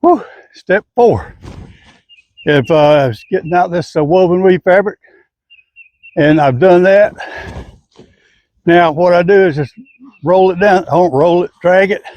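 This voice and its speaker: Filmed outside on a camera mic with a dry, echo-free but muffled sound, the older gardener explains garden tasks one at a time for his how-to vlog. His slightly high voice moves at a moderate pace with long pauses, and his delivery stays folksy and plain.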